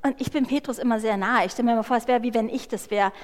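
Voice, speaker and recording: Brief: woman preacher, high voice, lively and direct storytelling sermon, echoing hall. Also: rapid-fire.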